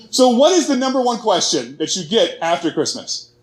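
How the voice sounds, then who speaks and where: Man giving a conference talk, high voice, roomy hall sound, chatty and full of stories. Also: huge pitch swings, unhurried. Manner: storytelling with quoted voices and jokes, many fillers. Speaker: conference speaker.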